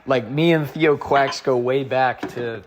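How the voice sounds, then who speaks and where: A man's voice: mid-range voice, unhurried, a little hiss or hum. A young man chatting casually as a running vlogger, rambling with lots of filler words and slang. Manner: rambling, full of "like" and "bro".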